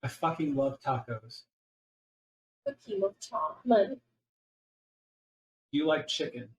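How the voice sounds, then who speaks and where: A voice altered by voice changer software, saying short random phrases with the pitch jumping around from line to line. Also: huge pitch swings, slow pace, gravelly, slight background noise, poor audio.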